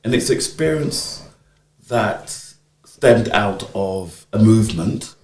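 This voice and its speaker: A man's voice: lowish voice, takes it slowly, slight background noise. A man in his fifties from the UK, telling stories in an interview and acting out the voices of the people he quotes. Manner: animated, acts out quoted speech. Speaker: interviewee, community organiser. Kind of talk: conversational storytelling. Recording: echoey room.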